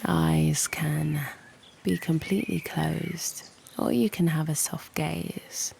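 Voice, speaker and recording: Birdsong and soft nature ambience form a faint backdrop as a British channel host guides a slow yoga nidra meditation. Her low voice is a soothing, breathy near-whisper with fairly even intonation, and she offers short phrases with long pauses in between.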